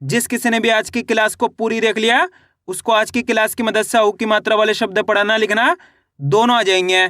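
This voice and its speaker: Man, Hindi reading teacher, bright tense voice, dry close recording, slow syllable-by-syllable spelling. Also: sits high, steady tone, no echo. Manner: slow, deliberate syllable-by-syllable sounding out, repeating each word. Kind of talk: online lesson, spelling words out syllable by syllable.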